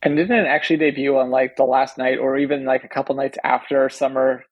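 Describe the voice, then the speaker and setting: A man co-hosting a casual podcast, making dry, wry remarks in a gravelly, husky voice. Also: medium pitch, steady tone, a little fast, dry recording, lo-fi sound. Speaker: podcast co-host.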